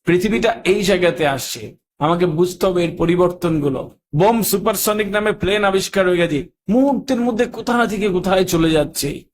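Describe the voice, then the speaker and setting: High-voiced motivational speaker man. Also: fairly quick. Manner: rhetorical, keeps asking "right?"; mixes English phrases into his talk. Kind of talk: motivational speech.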